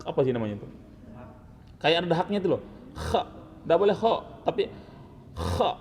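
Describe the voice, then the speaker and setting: Coaching Quran recitation, a man repeatedly demonstrates sounds and fixes students' pronunciation, teasing them a little. His slightly high, somewhat mellow voice moves at normal speed with big pitch swings, heard with hall reverb and faint background noise.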